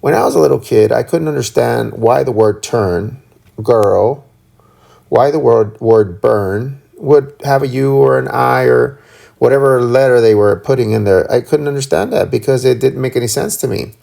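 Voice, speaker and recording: A man teaching a phonics lesson, slowly sounding out letter sounds and drawing them out. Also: medium pitch, gravelly, mellow. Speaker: reading teacher.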